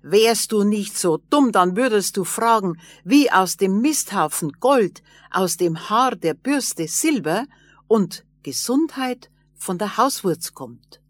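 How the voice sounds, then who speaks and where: A woman's voice: medium pitch, animated, takes it slowly, no echo. A woman voicing a small, stern male wood-man spirit who scolds and calls out in a fairy tale.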